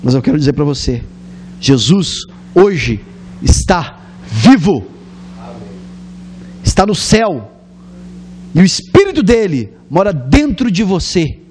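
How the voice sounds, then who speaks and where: A man with a Brazilian Portuguese accent preaching a sermon, telling the story in a lively way and acting out the scenes. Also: fairly high pitch, moderate pace, slight background noise.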